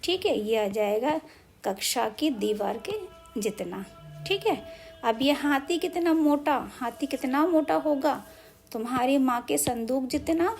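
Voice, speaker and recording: A woman teacher going through a children's textbook, explaining slowly, reciting verse lines and asking the pupils questions. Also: sits high, vocal fry, a little mellow.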